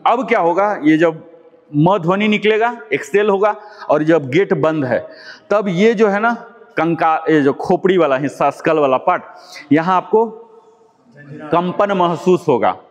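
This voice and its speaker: A man teaching a live yoga class, his slightly high voice ringing with a long echo off the room. He breaks every step down patiently, repeating key words and dropping English terms into his explanations. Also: a little slow. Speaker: yoga instructor. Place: yoga class with students present. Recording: long echoing room reverb.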